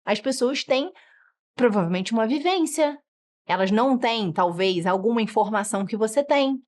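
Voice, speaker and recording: Lively Brazilian mother teaching parenting. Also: on the high side, moderate pace. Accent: Brazilian Portuguese. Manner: animated, acts out children's and parents' lines in shifting voices. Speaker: parenting educator. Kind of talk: online course lesson.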